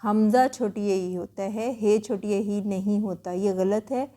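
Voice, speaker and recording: A woman teacher calmly explaining spelling rules word by word, in a patient way. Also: medium pitch, a little slow.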